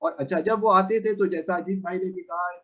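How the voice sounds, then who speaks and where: High-voiced rambling local man, muffled. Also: fairly even intonation, fairly quick. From Varanasi, India. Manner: rambling, loose and conversational. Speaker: local resident interviewee. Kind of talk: casual interview answer. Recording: dull lo-fi sound.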